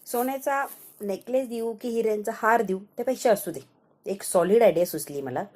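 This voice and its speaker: A woman's voice: a little high, fairly quick, darkish tone, close to an everyday voice. A woman voicing a doting older father-in-law who coaxes and indulges his daughter-in-law. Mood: indulgent. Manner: indulgent, coaxing.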